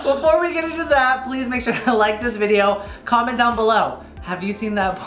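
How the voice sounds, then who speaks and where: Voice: mid-range voice, a little fast, a bit bright, reverberant, faint music behind. A sassy, campy drag queen host chatting casually and teasing while reacting to videos. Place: indoor studio with plain lit backdrop.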